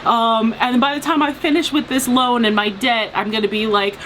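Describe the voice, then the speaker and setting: A woman's voice: on the high side, fairly even intonation, moderate pace, fairly bright tone, slight background noise, low-quality recording. A woman in her late twenties chatting casually and bubbly as a mukbang vlogger, with frequent giggly, informal phrasing. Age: late 20s. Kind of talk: casual chatty eating vlog.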